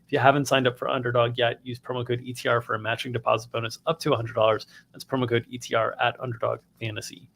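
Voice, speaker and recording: A man's voice: medium pitch, level tone, fast talker, vocal fry, few pauses, a bit bright. Upbeat male sports-stream host. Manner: upbeat, plugs sponsors in a practiced read. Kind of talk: live-streamed sports betting show.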